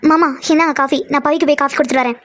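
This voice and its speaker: A woman voicing cartoon characters, quick and bickering. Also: sits high, steady tone, fairly bright tone, no echo. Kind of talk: cartoon voice acting.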